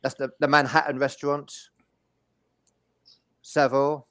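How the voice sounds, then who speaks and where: A man's voice: mid-range voice, level tone, unhurried, a bit bright, dry recording. A man hosting a casual travel chat, reading out details and handing over to his guests. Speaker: host. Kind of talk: casual presenting.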